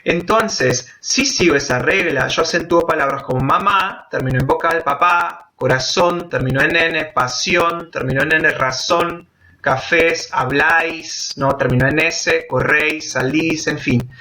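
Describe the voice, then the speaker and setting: A man teaches a grammar lesson, walking through the rules step by step. His voice sits a little high and sounds bright and forceful. He stretches out example words slowly as he spells them out. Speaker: Spanish teacher. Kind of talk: grammar lesson for Portuguese speakers.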